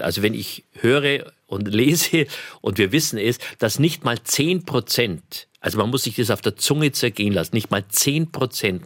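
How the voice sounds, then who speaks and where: A man's voice: on the low side, a bit bright, dry recording, studio quality. A man as an interview guest on the radio, speaking emphatically and indignantly with many hesitations and restarts. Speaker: interview guest, care critic.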